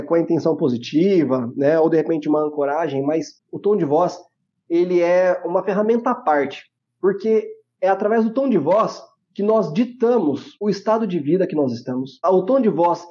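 A man co-hosting a podcast speaks in a high, warm voice, explaining things like a teacher in casual talk. He poses rhetorical questions and tags his lines with "né?", and the sound is lo-fi.

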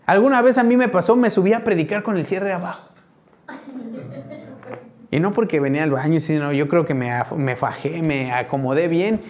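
A man's voice: on the high side, normal speed, a little mellow. A man with a Mexican accent preaching a conversational sermon, often checking in with his congregation. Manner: chatty, keeps checking in with the congregation. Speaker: pastor.

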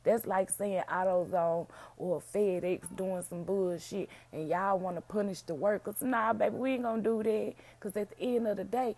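Female solo podcaster, hoarse and gravelly, mellow delivery, down-home casual chat. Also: mid-range voice, fairly even intonation, normal speed, hardly any pauses. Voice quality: raspy. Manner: down-home, addresses listeners as y'all and baby. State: hoarse, feeling unwell. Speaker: podcast host, book reviewer.

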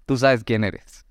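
Here is a relaxed sermon from a Veracruz man who speaks with a Mexican Spanish accent in a smooth, resonant, mid-range voice. Chatty and animated in his asides, he slows down to read scripture. There's no room sound in the close, dry recording.

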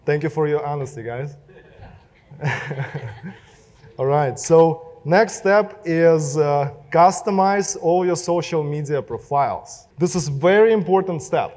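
A man's voice: a little high, a little slow, a little mellow. A young man with a Russian accent gives a casual talk to a live audience, speaking directly and asking the room questions. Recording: long reverb of a hall.

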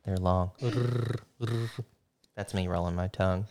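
Man, podcast co-host, casual chat, joking, resonant low voice. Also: completely flat delivery, measured pace, darkish tone, clear, resonant tone. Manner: joking, playful asides.

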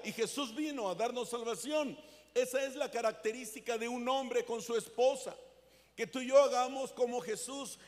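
A high-pitched Mexican man preaching from the pulpit, earnest and chatty, calling on the congregation to answer. His voice carries a long, echoing hall reverb. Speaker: pastor. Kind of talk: sermon.

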